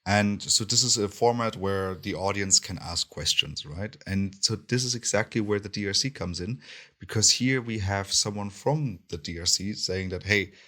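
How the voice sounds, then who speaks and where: Male podcast co-host, deep voice, hesitant casual delivery. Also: bright, forceful tone. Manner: halting, many fillers and restarts.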